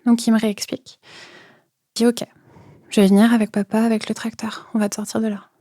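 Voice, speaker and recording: Softly told personal story, woman. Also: a little high, flat delivery, brisk, no room sound, clean studio sound. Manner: hesitant, with frequent fillers and repeated words. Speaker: storyteller recounting a personal experience. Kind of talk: personal testimony.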